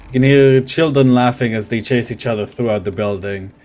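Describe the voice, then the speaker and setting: A man improvising descriptive narration as game master of a tabletop game, speaking haltingly. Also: medium pitch, darkish tone.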